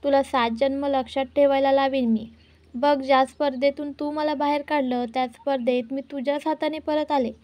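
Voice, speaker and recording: A woman's voice: high-pitched, flat delivery, normal speed, a little mellow, natural voice. A woman reading the lines of a defiant young wife who challenges and taunts her rival in a TV serial retelling. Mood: taunting.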